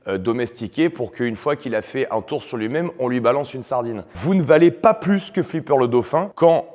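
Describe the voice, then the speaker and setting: A man's voice: mid-range voice, lively intonation, moderate pace, a little mellow. Blunt, combative man in a reverberant room. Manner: blunt and combative, with frequent "euh" fillers. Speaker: nutrition coach. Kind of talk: opinionated video monologue.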